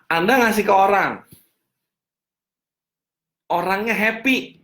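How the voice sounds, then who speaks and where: A man teaching a finance seminar as a coach, answering audience questions, repeating key points and checking understanding with quick questions. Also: high-pitched, sharp tone.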